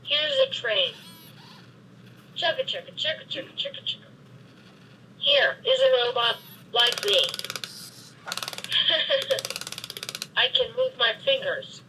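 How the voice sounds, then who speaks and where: A synthetic female voice playing a friendly, cheerful boy robot that talks to children in slow, simple, deliberate sentences. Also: a little high, expressive, sharp tone, a little hiss or hum, full character voice, poor audio. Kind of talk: programmed robot speech for children. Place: meeting room, played from a robot.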